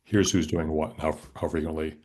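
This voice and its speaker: Committee lead: low, very deep-voiced man, orderly, explains step by step in a meeting room. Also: flat delivery, a little fast, a little mellow. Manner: orderly, walks through schedules and bids step by step.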